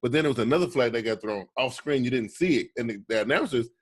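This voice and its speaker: A man with a husky, slightly breathy voice at a middle pitch, chatting on a sports podcast. He holds the floor for long stretches and keeps tossing in "right?" to pull the others along. The sound is dry and close. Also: quick pace, dry recording. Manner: talks in long runs, often checking in with "right?". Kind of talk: casual sports podcast chat.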